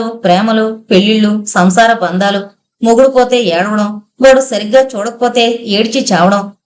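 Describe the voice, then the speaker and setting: A woman's voice: fairly high pitch, close to an everyday voice. A woman voicing a distraught young woman who raves in bitter outbursts, in an audiobook story.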